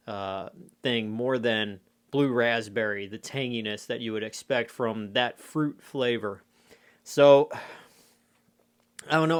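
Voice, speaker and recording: A man giving a casual food review in a rambling, conversational way, often dropping in filler phrases like "you know". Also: medium pitch. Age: adult. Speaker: candy reviewer.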